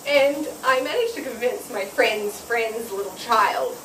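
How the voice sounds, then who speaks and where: A young woman with a New Zealand accent chats as a cosplayer guest in a casual interview, sounding bubbly and laughing often. Her voice is a little high and her pace measured. The setting is outdoor public gardens, captured by a distant outdoor mic with roomy, noisy sound.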